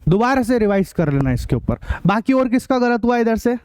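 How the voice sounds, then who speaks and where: A man teaching a math class, drilling rules and quizzing students with quick questions, sometimes blunt and scolding. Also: very high voice, very animated, darkish tone, smooth, dry recording. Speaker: math tutor. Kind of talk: online class lecture.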